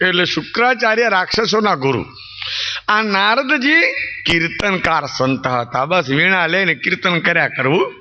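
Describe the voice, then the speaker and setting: A man giving a storytelling sermon, putting rhetorical questions to his listeners and swinging his delivery for emphasis. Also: high voice. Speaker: preacher. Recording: dull lo-fi recording.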